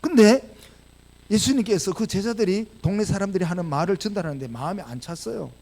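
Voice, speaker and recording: A man with a Gyeongsang Korean accent preaching a sermon as pastor, animated and firing rhetorical questions at the congregation. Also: high-pitched, fairly quick. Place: church sanctuary.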